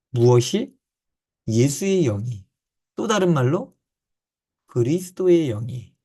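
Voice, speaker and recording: A male pastor giving a Bible teaching to church leaders, often asking questions and then answering them himself, with frequent pauses and fillers. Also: mid-range voice, vocal fry, a little mellow, husky.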